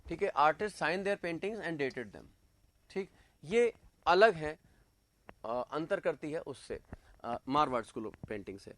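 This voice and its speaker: A male teacher giving an exam-prep class lecture, dictating notes word by word and pausing on fillers as he explains. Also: a little high, lively intonation, a bit bright, no room sound.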